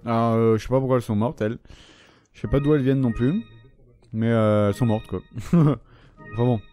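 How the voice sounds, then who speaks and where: A man's voice: medium pitch, a little fast, dark tone, soft background music. Chatty man swearing through gameplay commentary. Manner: chatty, swears often, talks to the enemies on screen. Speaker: gaming channel host.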